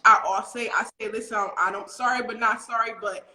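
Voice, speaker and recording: An excitable woman in her late thirties hosts a casual interview, rambling as she goes. Her voice is bright and forceful and pitched a little high. The room around her is echoey. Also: fairly quick. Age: late 30s. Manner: excitable, rambling, laughs often. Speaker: talk show host.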